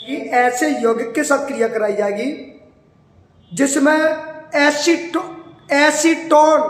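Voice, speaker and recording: A man with a very high voice lectures on chemistry, pulling students along with repeated questions and drawn-out words. His voice rings around a large, echoing room with a long tail of reverb. A faint hiss sits underneath. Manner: asks students questions and answers them himself. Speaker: chemistry teacher. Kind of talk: classroom lecture.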